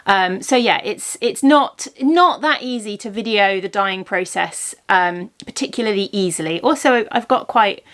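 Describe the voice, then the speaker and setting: A mid-range, slightly bright woman's voice moves at a moderate pace with few pauses. The speaker, a yarn dyer and vlogger in her thirties, is chatting casually while congested and blocked up in one ear from a cold, rambling along with frequent ums and self-corrections.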